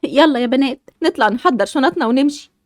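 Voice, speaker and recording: A woman voicing a patient, soothing mother of daughters, speaking in an Egyptian accent, lower than her own voice. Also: animated, fast, dry recording. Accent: Egyptian Arabic. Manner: soothing, reassuring.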